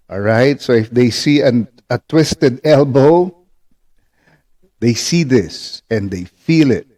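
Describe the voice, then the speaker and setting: A man of medium, mellow pitch teaches ventriloquism by demonstration. Patient and repetitive, he keeps checking understanding with brief tag questions.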